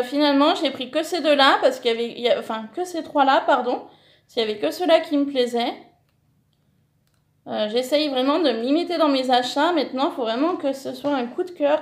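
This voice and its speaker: High-voiced woman gushing over craft papers. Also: echoey room. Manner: enthusiastic, many fillers, self-correcting. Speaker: scrapbooking vlogger. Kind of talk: casual haul vlog, showing paper.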